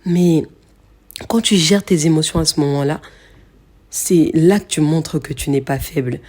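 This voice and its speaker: Mellow-voiced woman podcast host. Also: low voice, measured pace. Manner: speaks directly to the listener, frequent fillers and repetitions. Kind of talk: casual motivational monologue.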